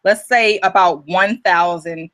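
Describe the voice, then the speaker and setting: A woman's voice: fairly low pitch, measured pace, fairly bright tone, no room sound. A woman hosting an interview, speaking with enthusiastic energy. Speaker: interview host. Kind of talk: interview host.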